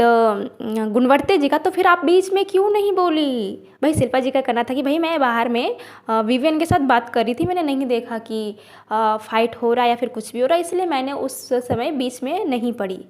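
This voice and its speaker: Female show reviewer, high voice, indignant ranting delivery. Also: moderate pace. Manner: indignant, ranting, mixes English words. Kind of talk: casual video commentary.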